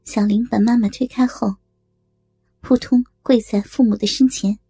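A woman telling a serialized story in a steady, dramatic way. Her voice sits a little high, with a husky, gravelly texture. Faint music runs underneath. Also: moderate pace, no room sound.

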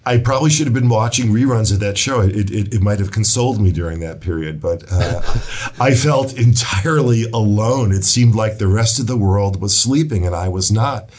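Low, husky-voiced male author. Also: darkish tone. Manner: reflective, measured storytelling. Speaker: author guest. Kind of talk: casual interview.

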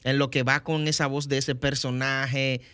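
Bright-voiced man, hesitant and chatty. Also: mid-range voice, flat delivery, moderate pace, clear, resonant tone, no room sound. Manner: hesitant, repeats words. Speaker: voice actor guest. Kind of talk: casual interview answers.

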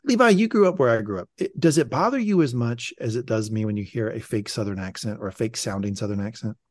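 A man's voice: medium pitch, lively intonation, fast talker, a little mellow, no room sound, studio quality. A man hosting a casual podcast chat, wry and sarcastic, swearing casually. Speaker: podcast host.

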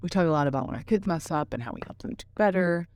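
A woman's voice: on the low side, animated, fast talker, a little mellow. Candid woman hosting a parenting podcast. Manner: candid, reflective storytelling. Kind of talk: casual podcast monologue.

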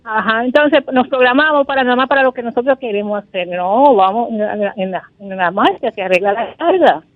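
A woman's voice: a little high, fairly quick, no room sound. A woman phones in to a radio show and talks in a chatty, folksy way, full of blessings. Her voice comes through a tinny, dry phone line. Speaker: caller. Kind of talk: call-in radio chat.

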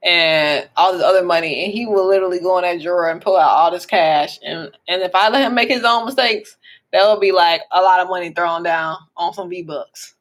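A woman's voice: fairly low pitch, fairly quick. A woman co-hosting a casual parenting podcast, talking earnestly with many fillers. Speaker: co-host.

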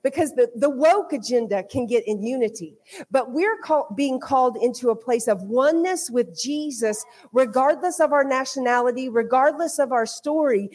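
A high-pitched woman from Oklahoma, with a darkish tone and an American accent, preaches at a moderate pace to a church congregation as a visiting preacher. She keeps it conversational, sharing personal testimony and circling through repeated phrases.

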